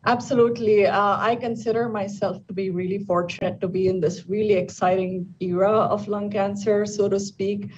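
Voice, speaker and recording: During a live televised news interview over a video link, a thirty-something woman who is a lung cancer oncologist explains matters at a measured pace, using a lot of ums. Her voice is medium-pitched, steady and darkish. She's in a bright indoor room at home or the office, and the audio comes across distant and dull, with faint room noise in the background.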